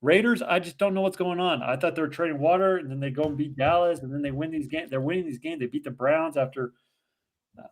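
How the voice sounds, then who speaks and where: A fast-talking man with a slightly high voice and a Boston accent co-hosts a relaxed football picks show, rattling off confident predictions during casual sports betting banter.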